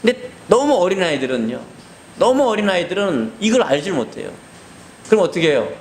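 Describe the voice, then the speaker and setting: Animated male preacher, sermon. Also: brisk, slight background noise, low-quality recording. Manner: animated, acts out dialogue in high voices. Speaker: pastor. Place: hospital basement hall.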